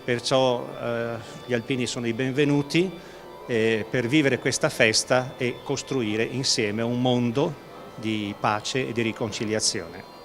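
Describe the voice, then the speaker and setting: A man delivering a formal welcome address in a measured, solemn way. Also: mid-range voice, fairly even intonation, fairly bright tone, soft background music. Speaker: official welcoming speaker.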